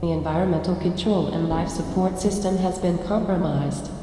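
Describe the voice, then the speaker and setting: A woman voicing a formal station announcement system, heard over a public address loudspeaker. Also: lowish voice, moderate pace. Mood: calm. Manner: even, formal announcer delivery. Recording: echoey loudspeaker in a long-reverb hall, game music behind.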